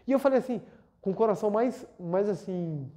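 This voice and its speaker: A man's voice: high-pitched, animated, brisk, warm tone. Earnest Brazilian man giving spiritual talk. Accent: Brazilian Portuguese. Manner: earnest, repeats words for emphasis. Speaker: spiritual lecturer. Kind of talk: spiritual talk and guided meditation.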